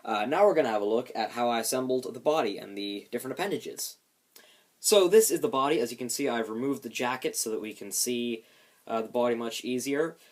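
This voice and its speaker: A man's voice: mid-range voice, fairly quick. A man giving a casual hands-on demonstration of a homemade build, explaining it with light self-deprecation.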